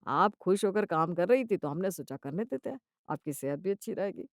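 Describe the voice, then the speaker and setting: A woman voicing a grown son who teases with smug, laid-back amusement, in a lowered voice. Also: expressive, brisk, dry recording, studio quality. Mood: teasing.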